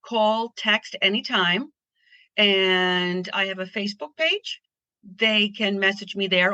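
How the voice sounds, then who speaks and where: A woman's voice: medium pitch, bright, forceful tone, no echo, lo-fi sound. A woman from Pennsylvania chatting as an interview guest, upbeat and rambling with restarts. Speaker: guest artist. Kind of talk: casual interview chat.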